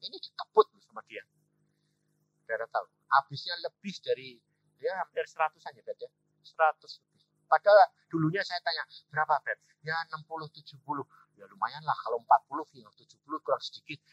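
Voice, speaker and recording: A middle-aged male preacher tells his sermon as a story and swings his voice widely, jumping into loud, high bursts when he acts out the dialogue. His voice is high and bright for a man. The recording is dry and a little dull. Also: lively intonation, brisk, breathy edge, no room sound. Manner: addresses the congregation repeatedly as "saudara". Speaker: evangelist preacher.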